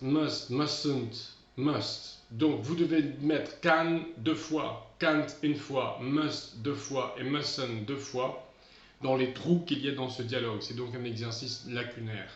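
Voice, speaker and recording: A man's voice: mid-range voice, fairly bright tone, roomy sound, muffled recording. A man teaching an English lesson to pupils at home, explaining patiently, repeating himself and restarting his phrases. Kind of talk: recorded remote lesson.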